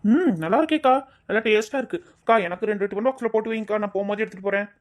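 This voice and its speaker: Woman doing a rapid-talking cartoon neighbor, lower than her main voice. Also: lightly acted. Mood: friendly. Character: chatty neighbor woman visiting.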